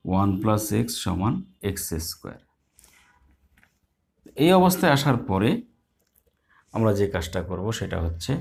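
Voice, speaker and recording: A man's voice: lowish voice, a little mellow. A man teaching a math lesson live online, explaining step by step in a patient way with small hesitations.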